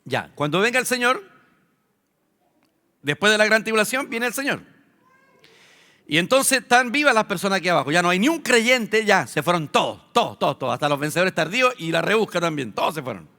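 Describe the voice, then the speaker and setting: A man with a Chilean Spanish accent preaching a sermon to a congregation, teaching conversationally with filler pauses. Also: high-pitched, very animated, bright, forceful tone. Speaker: pastor. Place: church hall. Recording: long hall reverb.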